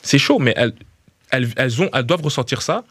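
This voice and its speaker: A fast-speaking man from Liège, Belgium, appears as a footballer guest in a small radio studio, chatting casually, repeating words as he gropes for them, and saying "tu vois." His mid-range voice is animated, a bit bright and husky. The dry, studio-quality recording comes from a studio mic with headphones.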